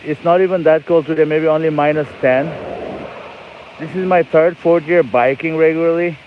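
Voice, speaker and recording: A man from Nepal livestreams on his phone while riding an e-bike outdoors, chatting cheerfully and rambling. His voice is a little high with fairly even intonation and a moderate pace. The lo-fi phone stream is full of loud outdoor noise.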